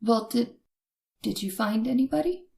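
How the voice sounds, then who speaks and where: In an old-time radio horror drama, a woman with a high-ish, somewhat mellow voice at normal speed voices a scared young motorist recounting her terror. She sounds nervous and hesitant, dramatic and suspenseful, gasping and stammering when afraid, and the noisy recording carries ambient effects.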